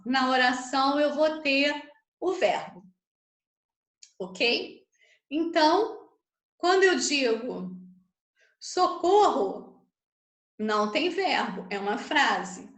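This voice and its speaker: Her high-pitched voice is animated and a bit bright as this Brazilian Portuguese woman teaches grammar online. She explains slowly and patiently, often using tag questions to check on her students, in an echoey room.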